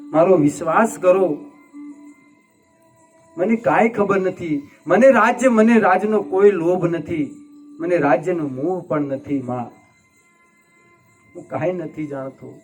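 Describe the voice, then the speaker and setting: Male storyteller as young prince, grief-stricken and pleading, high voice, faint music behind. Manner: impassioned, tearful pleading. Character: young prince Bharat, grieving and self-reproaching.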